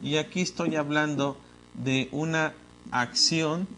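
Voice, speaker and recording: A man's voice: fairly high pitch, fairly even intonation, slow, bright, forceful tone, slight background noise. A male teacher, explaining concepts step by step in an online lecture and speaking directly to the student.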